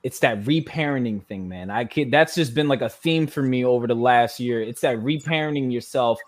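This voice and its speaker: A man's voice: mid-range voice, moderate pace. A man hosting a casual interview, loose and conversational, with lots of fillers and friendly asides. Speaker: host.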